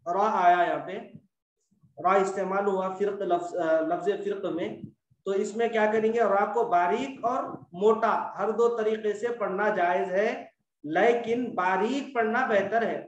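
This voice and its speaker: A man teaching Quran recitation rules in a patient, repetitive classroom style, slowly stretching out the example words. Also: high-pitched, fairly even intonation, distant mic, muffled recording. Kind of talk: classroom lesson on tajweed rules. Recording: echoey room, voice from off the mic.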